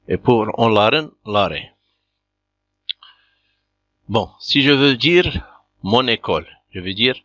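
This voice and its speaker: Slow, bright-toned male language teacher. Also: lowish voice, no room sound. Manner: patient, methodical, repeats examples. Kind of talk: slow beginner language lesson. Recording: dull lo-fi dry recording.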